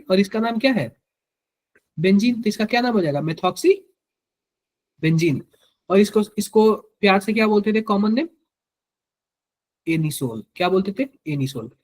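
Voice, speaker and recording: A man's voice: sits high, lively intonation, normal speed, pauses often, darkish tone. A man with a Hindi accent teaching chemistry to a live class, quizzing students and repeating each answer to drill it in.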